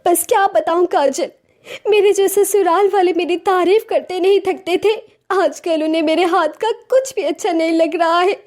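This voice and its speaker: A woman's voice: very high voice, moderate pace, a little mellow, pitched above the performer's own voice. A woman voicing an earnest, anxious young wife in a cartoon story. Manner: earnest, pleading.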